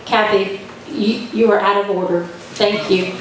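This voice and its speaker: Chairing a political convention, an Afghan woman speaks at a measured pace in a medium-pitched, fairly even voice, firmly insisting on order and giving a speech as she repeats thank-yous to restore it. It's recorded in an echoey hall on a distant mic, with background noise.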